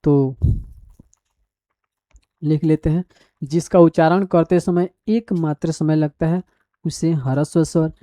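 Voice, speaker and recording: Slow, mellow male teacher dictating notes. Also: a little high, steady tone, no room sound. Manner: dictates slowly word by word while writing; repeats definitions and quizzes the class. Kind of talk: school grammar lesson.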